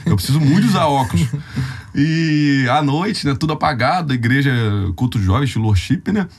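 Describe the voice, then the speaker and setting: A man's voice: on the high side, a little fast, slightly rough. A young Brazilian man, a youth ministry leader, telling a heartfelt, tearful testimony on a podcast in a casual, slangy way.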